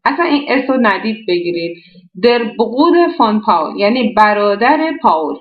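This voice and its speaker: A woman's voice: medium pitch, sing-song, echoey room, lo-fi sound. Woman teaching German grammar step by step. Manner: explains step by step, often asks and answers her own questions. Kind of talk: explaining a language exercise.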